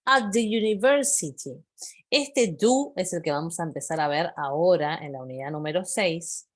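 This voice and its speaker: A woman's voice: on the low side, lively intonation, moderate pace. A woman teaching English vocabulary, patiently repeating phrases and checking in with her students. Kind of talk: explaining vocabulary to a class.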